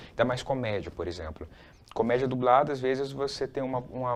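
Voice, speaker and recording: A man with a Brazilian Portuguese accent, a dubbing professional, explaining his view earnestly in a documentary interview, with frequent restarts. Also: mid-range voice.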